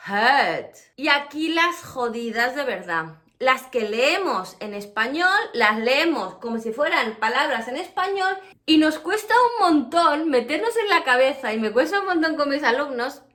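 Bright-voiced teacher drilling English sounds. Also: female voice, high voice, animated. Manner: explains with many examples, then models English words slowly. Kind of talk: pronunciation lesson.

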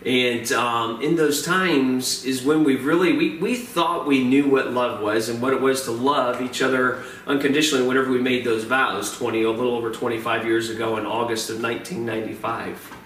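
A man in his forties preaching a sermon as pastor, talking in a halting way, often repeating words and filling pauses with uh. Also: medium pitch, fairly bright tone. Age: 40s. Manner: hesitant, repeats words and fills with uh. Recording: roomy, distant mic with faint noise.

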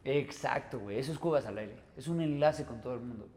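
Mexican male podcast host, slangy and profane, medium pitch, reverberant recording. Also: fast, darkish tone, slight background noise. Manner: slangy, swears, laughs easily. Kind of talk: casual podcast chat. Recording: hall reverb.

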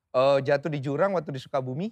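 A young man chatting casually as a podcast guest, telling an animated story full of mouth sound effects. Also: mid-range voice, quick pace, no echo.

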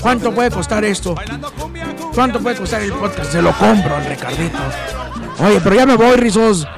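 A man's voice: high-pitched, expressive, normal speed, creaky, music in the background. A man voicing a crude, joking old grandfather with a Mexican Spanish accent, who half-sings mock church chants. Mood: boisterous. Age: older. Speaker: comedy podcast guest character. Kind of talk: comedic character bit with sung church chants.

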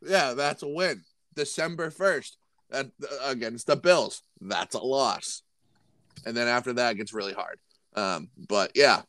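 A man's voice: medium pitch, measured pace, sharp tone, no echo. A man co-hosting a sports podcast in casual chat, often restarting his sentences. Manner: repetitive, stumbling restarts. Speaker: podcast co-host.

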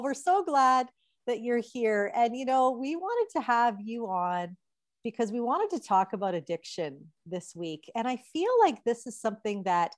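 A woman's voice: fairly high pitch, no room sound, clean studio sound. A woman hosting a podcast interview, upbeat and welcoming. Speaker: podcast host.

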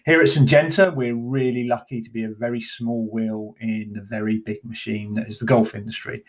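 A middle-aged man speaks in an easygoing, conversational monologue at a mid-range pitch. He often fills pauses with ums and uhs and restarts his sentences, then reads a written piece aloud in the same plain voice. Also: level tone. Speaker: blogger and podcaster in the golf turf industry. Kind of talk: casual spoken monologue, then reading an article aloud.

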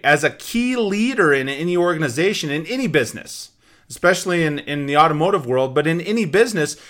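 A man hosts a motivational business talk with a forceful, bright voice that sits a little high. He addresses his audience like a trainer, emphatic and instructive, driving key points home through repetition. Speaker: show host, sales trainer.

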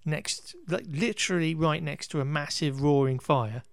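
A man's voice: on the high side, normal speed, creaky, dry recording, clean studio sound. A man hosting a podcast, recapping a film in a casual, rambling way, wry and exasperated, with restarts and the odd swear word. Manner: occasional swearing. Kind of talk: casual chat.

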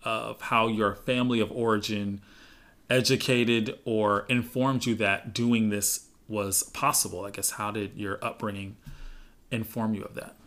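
A man hosting an interview, asking thoughtful, affirming questions in a relaxed conversational way. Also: on the low side, unhurried. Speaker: podcast host.

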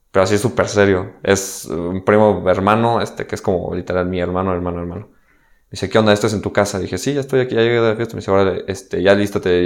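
Speaking as a guest, a young man with a Mexican accent shares a personal story in a frank, slangy way and performs the lines he quotes. His voice sits low.

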